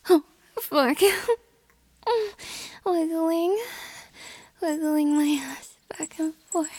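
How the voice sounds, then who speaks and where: A young adult woman whispers softly through an intimate audio roleplay, her high voice full of breathy sighs and drawn-out words. Her delivery is pleading and submissive, and the recording is dry.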